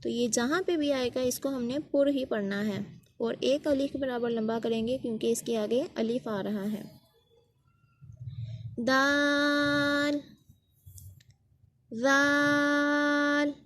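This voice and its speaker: A woman's voice: a little high, moderate pace, mellow. A woman teaching Quran letter pronunciation, speaking patiently step by step and repeating each sound as a model for learners.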